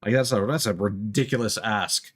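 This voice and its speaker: With a voice on the low side and a moderate pace, a man chats casually during a gaming livestream, hesitating and rambling as he thinks aloud. Game music runs in the background.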